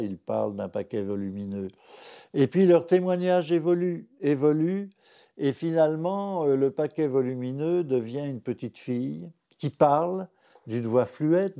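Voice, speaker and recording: Insistent male writer in interview, gravelly and dark, hammers points home. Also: medium pitch. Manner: insistent, repeats points for emphasis. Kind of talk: documentary interview.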